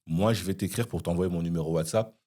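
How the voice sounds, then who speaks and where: A young man, a podcast guest, telling an animated anecdote in casual chat, with frequent "you see" asides. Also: low voice, fast talker.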